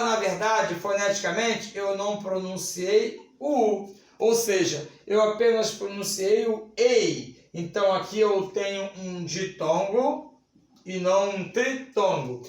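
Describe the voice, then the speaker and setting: High-voiced Brazilian man teaching in an echoey room. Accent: Brazilian Portuguese. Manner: deliberate, drawn-out words, checks in with the class. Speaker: Portuguese teacher for civil service exams. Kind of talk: classroom lecture at a whiteboard.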